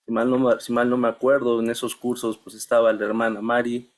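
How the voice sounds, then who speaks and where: A middle-aged man giving an earnest, halting testimony in a church Bible class, often calling his listeners brothers. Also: mid-range voice, flat delivery.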